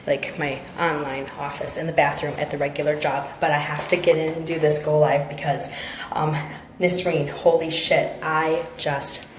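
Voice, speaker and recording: A woman talks into her phone in an excited, half-whispered hush, shaky with nerves. The small bathroom gives her voice a hard echo, with faint room noise behind her. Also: sits low, moderate pace. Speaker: network marketing team member. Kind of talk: phone livestream. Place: office bathroom.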